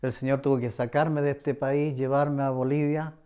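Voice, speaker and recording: Hesitant fillers often punctuate the phrases of this middle-aged church member from Chile, who speaks with a Chilean Spanish accent as he gives an earnest, repetitive testimony of faith. His medium-pitched voice stays level, warm, mellow, smooth and clear.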